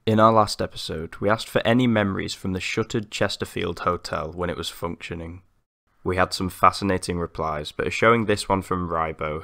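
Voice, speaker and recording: A man reading a scripted documentary voice-over in a measured, formal way. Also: deep voice, a bit bright. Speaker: channel narrator.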